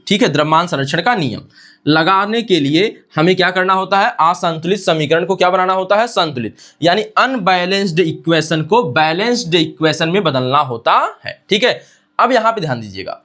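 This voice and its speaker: High-voiced man teaching, slow dictation. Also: bright, forceful tone. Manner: asks questions and answers them himself, repeats definitions slowly for dictation. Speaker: science teacher. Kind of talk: classroom lecture.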